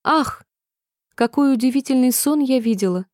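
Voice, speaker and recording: A bold, spirited young girl from a storybook who speaks up fearlessly, played by a woman. Her voice is raised and bright with exclamations. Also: high voice, expressive, moderate pace, no echo, clean studio sound, voice pushed up.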